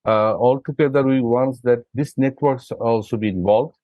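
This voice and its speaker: A man from Bangladesh, a migrant rights advocate, speaking haltingly with many fillers in an online meeting. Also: medium pitch, dry recording, highs cut off.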